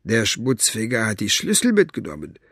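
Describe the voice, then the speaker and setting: A man's voice: on the low side, wildly swooping pitch, moderate pace, fairly bright tone, husky, no room sound, clean studio sound, heavily acted. A man voicing a coarse, smug male henchman who mocks and gloats. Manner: gloating, sneering, grunting.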